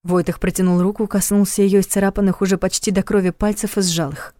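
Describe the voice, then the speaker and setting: A woman narrating a thriller audiobook in a measured, even storytelling manner. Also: mid-range voice, no room sound, studio quality. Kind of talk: scripted narration.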